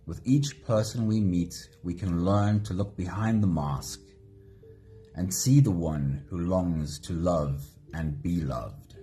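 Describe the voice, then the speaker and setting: A very deep-voiced man leads a live guided meditation at an unhurried pace. His tone is mellow and gentle. Soft music plays faintly behind him. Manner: slow, gentle, greets viewers by name. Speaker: meditation host.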